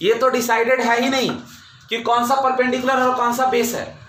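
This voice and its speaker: A male teacher with a high, bright voice explains things slowly and deliberately. He repeats his key points with emphasis and slips English terms into his Hindi. The recording has a noticeable room echo. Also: level tone, a little hiss or hum. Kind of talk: classroom lecture.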